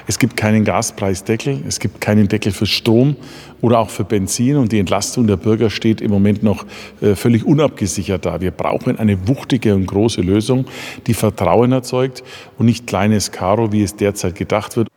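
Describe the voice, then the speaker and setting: Deep, dark male politician in a hall. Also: moderate pace. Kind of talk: press statement.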